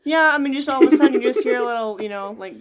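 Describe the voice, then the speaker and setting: A woman in her twenties co-hosting a podcast, reading a novel aloud and breaking off to chat casually, giggly and quick to interrupt herself. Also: high voice, a loud crowd. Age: 20s. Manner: chatty, giggly, self-interrupting. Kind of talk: casual book-club chat and read-aloud.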